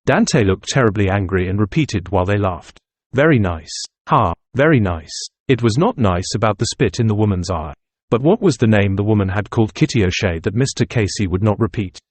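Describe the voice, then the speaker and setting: A man narrating a novel in a measured, even reading. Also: on the low side, no echo. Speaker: audiobook narrator. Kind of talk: scripted narration.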